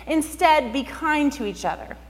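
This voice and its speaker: A woman's voice: sits high, lively intonation, moderate pace. A woman pastor giving a sermon in a conversational way, often saying "like". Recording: long hall reverb.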